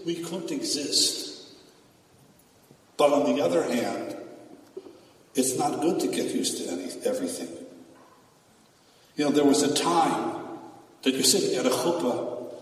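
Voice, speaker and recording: A rabbi giving a sermon in emphatic preaching that swings from calm to loud, recorded from a distance in a large hall. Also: male voice, a little high, moderate pace, pauses often, a little hiss or hum. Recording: echoey hall, far from the mic.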